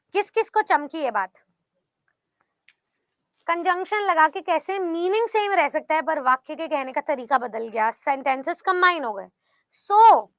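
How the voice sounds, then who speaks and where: A woman's voice: extremely high pitch, sharp tone, no room sound. A woman teaching English grammar in an online class, explaining step by step and praising students by name.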